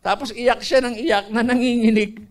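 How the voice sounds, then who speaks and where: A man's voice: very high-pitched, steady tone, moderate pace, a little mellow. An older man from the Philippines, earnestly telling his personal faith testimony to his listeners. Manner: earnest storytelling, addressing listeners as brethren. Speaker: testimony speaker.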